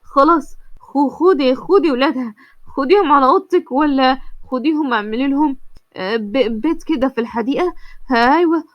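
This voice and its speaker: A woman's voice: sits high, no room sound, muffled recording, lightly acted. A woman voicing a terrified young man with an Egyptian accent who stammers and pleads. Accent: Egyptian Arabic.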